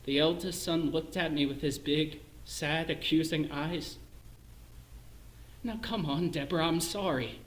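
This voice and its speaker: An actor playing a bitter middle-aged clerk with a Northern Irish accent in a theatrical monologue, swinging between hushed self-loathing and shouted rage. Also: male voice, fairly high pitch, unhurried, lightly acted. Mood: pleading, tender. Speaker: stage actor in a one-man show. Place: performance space, live stream. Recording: roomy echo.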